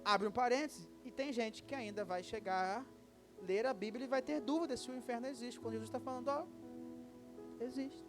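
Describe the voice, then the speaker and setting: A man with a Brazilian Portuguese accent preaching a sermon as pastor, lively and acting out short dialogues. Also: very high voice, a little fast, over music. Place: church service.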